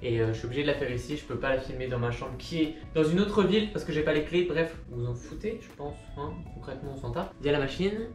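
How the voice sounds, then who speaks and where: A man's voice: on the high side, lively intonation, quick pace, hardly any pauses. A man in his twenties vlogging casually about sneakers, rambling and joking at his own expense. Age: 20s. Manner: rambling, chatty, self-mocking asides. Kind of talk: casual vlog chat. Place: indoor room with a machine running. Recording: echoey room recording. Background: machine noise and soft music.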